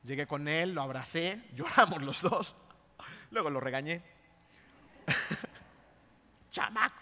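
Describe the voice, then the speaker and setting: A Mexican-accented man preaches a sermon, spinning a personal story and checking in with his listeners. His voice is bright and pitched fairly high. The sound rings with the long reverb of a large hall. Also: normal speed. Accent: Mexican Spanish. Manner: lively storytelling, often checks in with the congregation.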